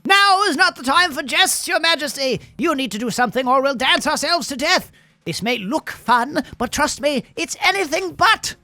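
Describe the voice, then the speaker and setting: A man's voice: extremely high pitch, expressive, moderate pace, bright, forceful tone, dry recording, pitched above the performer's own voice, exaggerated voice. A man voicing a panicked, pleading baron who cannot stop hopping, in a fantasy game. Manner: frantic, pleading. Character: frantic male baron, panicked, hopping while dancing.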